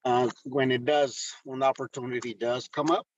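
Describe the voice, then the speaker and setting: Earnest older man, halting and heartfelt. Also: medium pitch, flat delivery, dull audio, a little hiss or hum. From Mexico. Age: 60s. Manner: earnest, halting with many restarts and fillers. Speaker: interview guest, retired first sergeant. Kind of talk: candid conversational interview. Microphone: phone call audio.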